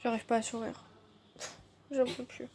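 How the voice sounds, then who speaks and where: A woman's voice: fairly high pitch, level tone, moderate pace, warm tone, a little hiss or hum. A young woman whispering to her vlog, anxious and unable to sleep.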